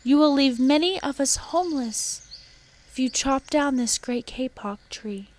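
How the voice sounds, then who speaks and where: A woman voicing a small, mournful storybook tree frog with a slow, squeaky, piping delivery. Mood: mournful pleading.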